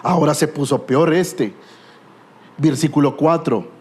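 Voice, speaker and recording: A man's voice: fairly high pitch, a little slow, a little mellow. A middle-aged man preaching a sermon with a Guatemalan Spanish accent, telling stories with humor and rhetorical questions.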